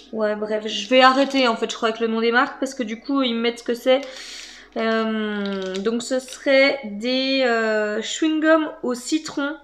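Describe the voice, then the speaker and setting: A woman's voice: on the high side, fairly bright tone. A woman chatting casually as she unboxes snacks for her channel, hesitant and full of fillers. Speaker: vlogger.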